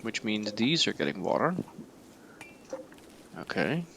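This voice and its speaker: A man's voice: lowish voice, very animated, slow pace, gravelly, fairly bright tone, slight background noise. A man streaming a game live, casually thinking aloud in a rambling, sometimes tongue-tied way, sleepy and yawning. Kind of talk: casual let's-play commentary.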